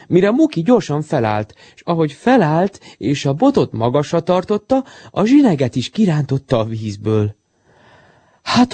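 A man reading a children's story aloud, full of expression and animation. His voice climbs and dips with a lot of life, and the tone is warm and mellow with a slightly husky edge. The sound is dry and close. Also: fairly high pitch, dry recording.

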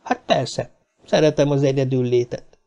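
A man's voice: steady tone, vocal fry, dark tone, natural voice. A man voicing a small, nervous, cigar-smoking man who puts on a cheeky front and stammers when frightened, in an audiobook reading. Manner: stammering when scared, high and quick.

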